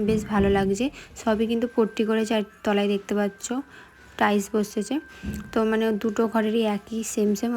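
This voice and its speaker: A woman's voice: mid-range voice, slight background noise. A young woman giving a chatty voice-over for her home vlog. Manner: quick, even, chatty narration to viewers. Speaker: vlogger.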